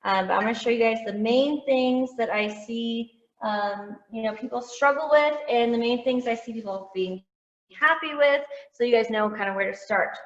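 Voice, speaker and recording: A woman's voice: a little high, moderate pace. A woman teaching a step-by-step painting lesson over a video call, chatty, with lots of "um" fillers and light self-teasing. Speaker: painting instructor. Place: art studio. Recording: roomy lo-fi video call audio.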